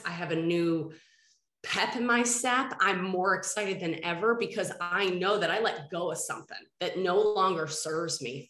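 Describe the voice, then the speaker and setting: A woman hosts a podcast interview in casual chat, sounding a little nasal and congested from a head cold. She talks earnestly but rambles with restarts, her voice lowish and a bit bright. The recording is reverberant.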